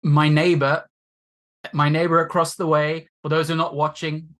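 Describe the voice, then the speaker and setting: A man's voice: fairly high pitch, completely flat delivery, moderate pace, fairly bright tone. A man in his forties from Zimbabwe, a podcast guest who tells stories in a rambling, self-deprecating way, full of fillers and restarts. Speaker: guest musician and marketer. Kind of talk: casual chat.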